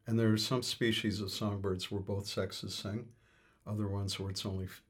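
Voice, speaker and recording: Man, low husky voice, rambling interviewee who thinks aloud with fillers and restarts. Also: little pitch movement, normal speed. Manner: hesitant, many fillers and restarts. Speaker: interviewee on music. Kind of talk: thoughtful conversational explanation.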